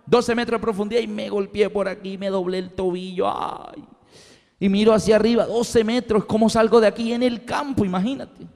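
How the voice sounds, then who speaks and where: High-voiced man preaching in a reverberant hall. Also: steady tone, fairly quick, gravelly, hardly any pauses, a little mellow. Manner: acts out stories with voices, addresses "dear friends". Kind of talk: sermon.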